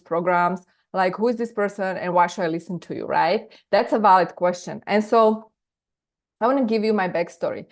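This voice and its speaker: A Slovak-accented woman from Slovakia, her voice fairly low, leads a live online masterclass over a video call as a business coach. She speaks with energy and often repeats words for emphasis.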